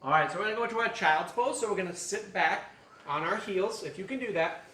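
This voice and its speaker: Bright, jokey man coaching stretches. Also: high voice, a little fast, echoey room, recorded from a distance. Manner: joking, upbeat instruction with counting. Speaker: fitness coach. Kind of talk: guided stretching class. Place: fitness studio.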